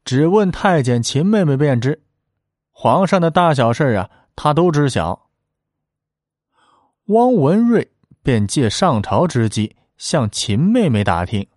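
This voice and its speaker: A man narrating a historical tale in traditional storytelling style, animated and dramatic. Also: medium pitch, dry recording, clean studio sound.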